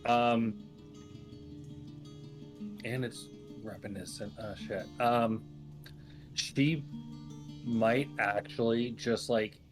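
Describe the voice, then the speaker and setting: A man's voice: mid-range voice, steady tone, extremely slow, long pauses, over music. A man playing a tabletop game who describes his character's actions in a rambling, hesitant way. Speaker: player. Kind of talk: casual tabletop play.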